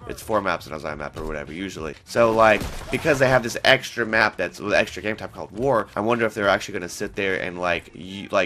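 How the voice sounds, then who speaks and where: Low-voiced and quick, barely pausing, a young gaming channel host in his twenties talks through gameplay into his headset at home in a small room, congested from a cold. He rambles, swears frequently, and blows up in frustration, his tone pushed and bright over a slight hiss or hum.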